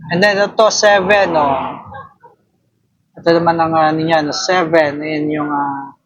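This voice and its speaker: Slow, husky Filipino man touring a shop. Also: high-pitched, muffled recording. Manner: slow, relaxed, filler-heavy, tags lines with "no?". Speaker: vlogger touring a watch shop. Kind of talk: casual walkthrough narration. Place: indoor watch store.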